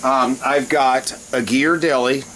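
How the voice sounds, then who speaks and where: A man with a mid-range, unhurried voice chats casually and ramblingly while showing a recipe in a home cooking vlog, often breaking off to handle things. The recording is low quality, with a loud, steady hiss behind his voice.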